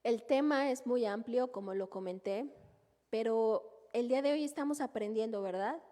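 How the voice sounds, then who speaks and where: Mexican lady teaching at church, chatty, keeps asking right?, kinda high voice, big echoey hall. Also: normal speed, mellow. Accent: Mexican Spanish. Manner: conversational, often asks the listeners for agreement. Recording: long hall reverb.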